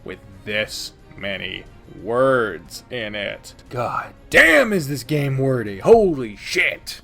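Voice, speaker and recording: At medium pitch and with a fairly bright tone, this man rambles emphatically through a casual, opinionated games countdown. He's a video host and game reviewer, and he swears plenty.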